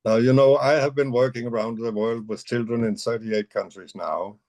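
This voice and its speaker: A man's voice: mid-range voice, steady tone, normal speed, a little mellow. A man from the United States, an audience participant asking a question in a hesitant, conversational way with many fillers over a video call.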